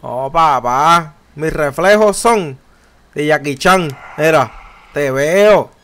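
A young man with a Puerto Rican accent, commentating a horror game live, jumpy, yelling and swearing in quick repeated outbursts. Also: fairly high pitch, expressive, clear, resonant tone. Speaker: gamer.

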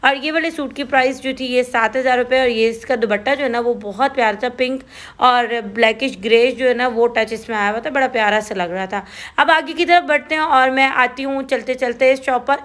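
A woman's voice: sits high, brisk, a bit bright. A woman from Pakistan with a Karachi Urdu accent narrating a shopping tour in a chatty, enthusiastic voice-over, listing prices. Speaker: shopping vlogger.

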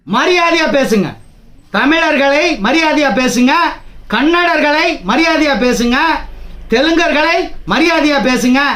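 A man's voice: very high voice, bright, forceful tone. A man from Tamil Nadu, a trade union leader, giving an angry political speech, combative and taunting, firing rhetorical questions.

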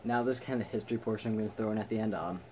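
Young dude doing a halting casual review, far from mic, noisy background. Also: male voice, on the low side, fairly even intonation, dark tone. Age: teens to young adult. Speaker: video reviewer. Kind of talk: casual, unscripted product review. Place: small attic room indoors. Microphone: camera a few metres away. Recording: distant camera mic, noisy room.

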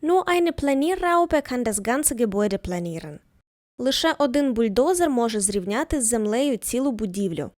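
A woman teaching a German lesson, reading each example sentence slowly twice and then translating it. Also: a little high, lively intonation, darkish tone, dry recording, studio quality. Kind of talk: scripted language lesson.

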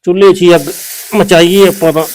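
Guy doing a worried punjabi villager talking to himself, clear smooth voice. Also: sits high, level tone, quick pace, a little mellow, lightly acted. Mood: fretting. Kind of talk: village short film acting.

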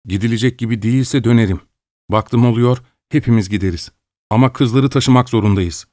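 A man voicing a determined young husband who talks in a firm, hurried way. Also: medium pitch, warm tone, no echo, studio quality, lightly acted. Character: brave young husband, resolute, steady.

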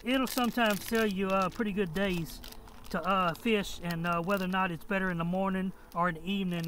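A man's voice: high-pitched, a bit bright. A man rambling with many fillers as he explains things to the camera, recorded outdoors on a riverbank with a body-mounted camera. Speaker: fishing vlogger. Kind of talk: casual first-person vlog explanation. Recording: faint outdoor noise.

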